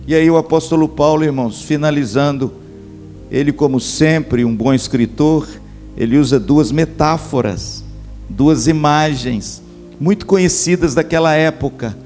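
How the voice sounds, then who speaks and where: A man's voice: a little high, a little mellow. A middle-aged male pastor preaching a sermon at a church camp, speaking to his listeners as brothers. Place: church camp meeting hall.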